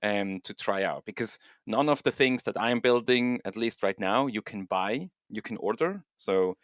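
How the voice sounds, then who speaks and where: This guest is a man from Switzerland who works as a software engineer and mines at home, chatting in a casual interview. His voice is low and he talks at a normal speed, with loose, thoughtful phrasing full of fillers, in a dry recording with no echo.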